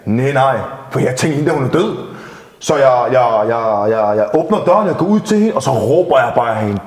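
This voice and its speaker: A man's voice: medium pitch, animated, a little mellow. A man talking as a podcast guest, telling a story in a candid, rambling way, swearing casually and repeating words. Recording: reverberant room with long echo.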